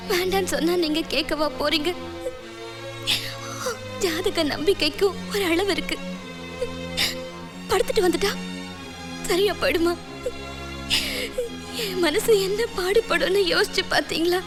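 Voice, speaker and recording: A woman's voice: very high voice, a little slow, pauses often, music in the background. An actress playing a hurt young wife who reproaches her husband tearfully.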